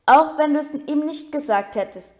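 A woman reading aloud as an earnest, insistent young boy wizard, a touch higher than her narration. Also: normal speed, close to an everyday voice.

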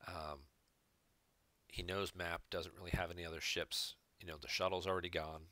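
A man's voice: low voice, flat delivery, normal speed, bright, forceful tone, dry recording. A man commentating on a recorded card game match, explaining each play step by step from home. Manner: analytical, explains plays step by step. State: hiccups. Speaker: game reviewer. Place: home room.

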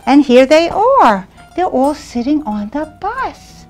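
A woman's voice: high-pitched, very animated, takes it slowly, soft background music. A woman hosting a children's show, reading a picture book aloud and cheerfully asking the children questions.

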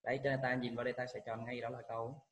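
Walking his class through an exam, a Vietnamese-accented English teacher at a high school says the English answer words slowly and then explains them in Vietnamese. He speaks in a level, slightly bright tone on a low-quality recording.

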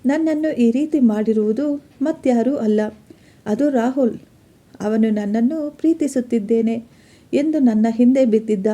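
A woman's voice: on the high side, unhurried, warm tone. A woman voicing a betrayed young student, pleading and accusing. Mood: lamenting.

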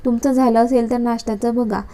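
A woman's voice: fairly high pitch, level tone, a little fast, lightly acted. A woman voicing a harsh, scolding middle-aged aunt in a read-aloud story. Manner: sharp, nagging, contemptuous.

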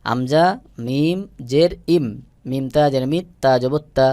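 This male teacher has a mid-range voice and a dark tone, speaking unhurriedly with no echo. He gives a slow, syllable-by-syllable Quran reading lesson, spelling out each letter and its vowel before blending them into the word.

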